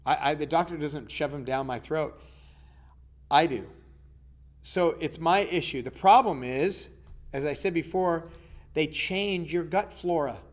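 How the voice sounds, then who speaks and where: A man's voice: fairly high pitch, a little slow, pauses often. A man, teaching a casual health lesson as a coach and putting questions to his listeners. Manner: chatty, asks the listener questions.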